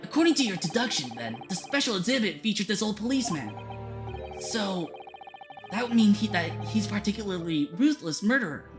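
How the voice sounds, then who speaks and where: A woman's voice: mid-range voice, sing-song, brisk, over music, pitched above the performer's own voice, natural voice. A woman voicing an earnest, hesitant young male anime protagonist in a polite boyish voice. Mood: puzzled, hesitant. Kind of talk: reading visual novel dialogue aloud.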